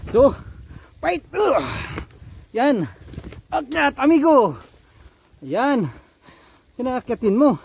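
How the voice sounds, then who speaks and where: A man's voice: extremely high pitch, sing-song, slow, creaky, pauses often, darkish tone, a little hiss or hum. A man vlogging casually on a rocky seashore, panting and effortful as he climbs, recorded on a handheld camera. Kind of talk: casual vlog narration.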